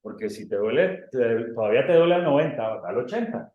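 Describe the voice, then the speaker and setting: A man's voice: medium pitch, lively intonation, a little fast, phone-quality sound, a little hiss or hum. A man with a Mexican Spanish accent teaching a coaching session, emphatic and repeating phrases to drive points home. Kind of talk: in-person coaching lecture. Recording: echoey room.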